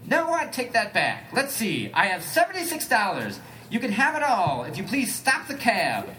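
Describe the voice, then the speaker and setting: A man doing a high squeaky voice for a nervous, panicky man who keeps pleading. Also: wildly swooping pitch, normal speed, pushed and bright, slight background noise, heavily acted. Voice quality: squeaky falsetto.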